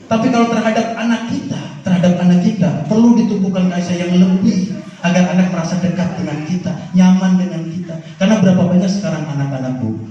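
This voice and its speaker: A man preaching a sermon on parenting to mothers, speaking in an animated way, his pitch swinging between high and low as he addresses the audience. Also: fast. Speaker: Islamic preacher. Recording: echoey, distant, dull lo-fi hall recording.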